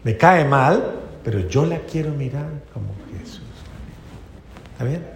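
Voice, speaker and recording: A man preaching a sermon to a congregation, asking rhetorical questions and often softening to a gentle, tender tone. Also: a little high, lively intonation, measured pace, creaky, a little hiss or hum. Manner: rhetorical questions, drops to soft tender tones. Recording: echoey hall with faint ambience.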